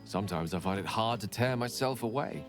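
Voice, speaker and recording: A man's voice: fairly low pitch, a little fast, natural voice. A man playing Gale, the eloquent wizard-scholar. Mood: tender. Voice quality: articulate, gently wry. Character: Gale, male wizard turned academic, warm, eloquent. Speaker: game character. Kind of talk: video game voice acting. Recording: game audio with clear music behind. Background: music.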